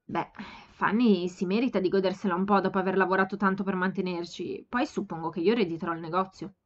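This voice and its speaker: A woman voicing a meek, quiet young woman. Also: mid-range voice, steady tone, fast talker, dull audio, lightly acted. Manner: quiet, hesitant and apologetic. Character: meek, dutiful young woman, hat-shop apprentice.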